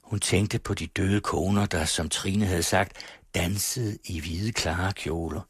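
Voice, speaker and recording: A man reading a classic story aloud in a measured, even way. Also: deep voice, slightly rough, no echo, studio quality. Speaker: audiobook narrator. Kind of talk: scripted narration of a classic story.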